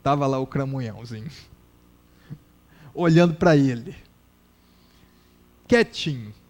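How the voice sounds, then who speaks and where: A man with a Brazilian accent giving a public lecture at a spiritist center, an animated storyteller who acts out the characters. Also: medium pitch, slow pace. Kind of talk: public lecture with humorous anecdotes.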